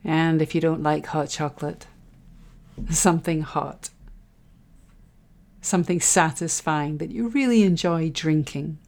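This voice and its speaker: A woman guiding a relaxation and breathing exercise in a soft, soothing, unhurried way, with phrases that trail into breathiness. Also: deep voice. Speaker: guided breathing meditation instructor. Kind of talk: guided relaxation meditation.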